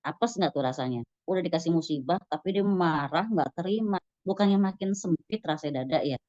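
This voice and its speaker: A woman giving a casual religious study talk, lively and acting out quoted voices. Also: fairly low pitch, brisk, no echo. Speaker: religious teacher. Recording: dull dry lo-fi recording.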